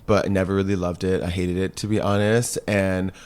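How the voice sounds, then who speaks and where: A man in his thirties with a very low voice tells his story on a podcast. He talks candidly and loosely, with many "like"s and a ready laugh. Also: little pitch movement, moderate pace, darkish tone, smooth. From Brooklyn, Park Slope. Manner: candid, laughs often, many filler likes. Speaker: fitness instructor guest. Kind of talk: casual podcast chat.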